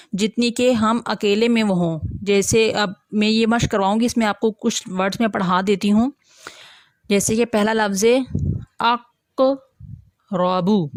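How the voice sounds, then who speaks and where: A woman teacher giving an online Quran reading lesson, patiently explaining step by step, asking her class questions and slowly sounding out letters. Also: mid-range voice, no room sound, studio quality.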